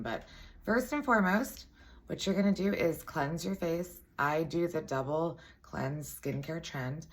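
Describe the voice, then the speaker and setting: Female, very deep raspy voice with gravelly fry, chatty casual beauty tutorial host. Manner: chatty, self-deprecating asides. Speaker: makeup tutorial presenter.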